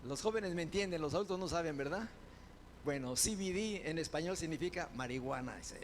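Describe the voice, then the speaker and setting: High-voiced male pastor shouting a sermon. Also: lively intonation, fairly quick, a little hiss or hum. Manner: swings from quiet asides to shouted repetition; asks the congregation questions.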